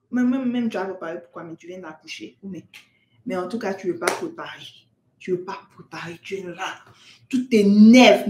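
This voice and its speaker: A woman's voice: a little high, darkish tone, reverberant. A woman vlogger giving earnest, direct advice to new mothers, talking straight to the listener. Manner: earnest, addresses the listener as "tu" and "maman". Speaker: parenting vlogger. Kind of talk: direct-to-camera advice talk.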